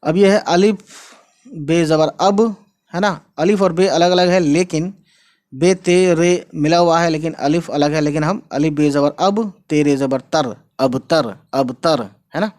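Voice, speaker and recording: A man teaching a casual online language lesson, drawing out words slowly and often checking in with his listeners. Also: a little high, a little mellow. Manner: repeats words slowly, drawn out for pronunciation; chatty, checks in with "right?" and "guys". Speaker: Urdu teacher.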